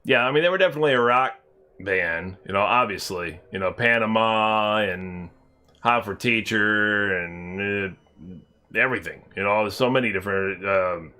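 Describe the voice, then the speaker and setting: A man's voice: on the low side, moderate pace, pushed and bright. A man from America, a game streamer, chatting casually and rambling with many fillers while he plays. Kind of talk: casual chat while gaming.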